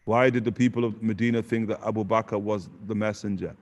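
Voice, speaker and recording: A man, teaching in a relaxed question-and-answer lesson and dropping Arabic phrases between points. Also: on the low side, a little fast. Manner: conversational, sprinkles Arabic phrases, asks "you get the point?". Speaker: religious teacher.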